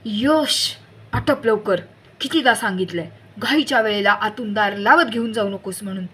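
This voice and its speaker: A woman's voice: medium pitch, moderate pace, pushed and bright, slightly rough. A woman reading a storybook, voicing a father who impatiently scolds his son for hogging the bathroom.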